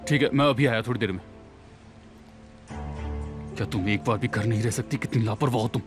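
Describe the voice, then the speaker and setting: An actor playing a firm, protective family man in a dubbed TV drama, over loud background music. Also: medium pitch, normal speed, close to an everyday voice. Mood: scolding. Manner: firm, scolding when angry. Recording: loud music under dialogue.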